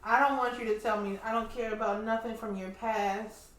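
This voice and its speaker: A woman co-hosting a casual podcast chat, blunt and animated. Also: fairly high pitch, normal speed, slight background noise. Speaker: podcast co-host. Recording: echoey room, distant mic.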